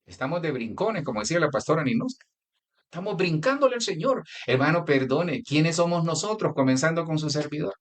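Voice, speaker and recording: A man's voice: a little high, lively intonation, fairly quick. A man from Colombia preaching a sermon with a Colombian Spanish accent, talking straight to the congregation and breaking into personal anecdotes. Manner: conversational preaching with anecdotes and direct address. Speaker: pastor.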